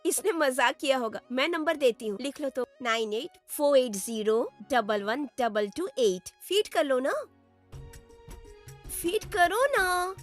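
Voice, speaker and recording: A woman voicing a chatty, excitable young female friend in a comic dub. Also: high-pitched, normal speed, hardly any pauses, faint music behind. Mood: friendly.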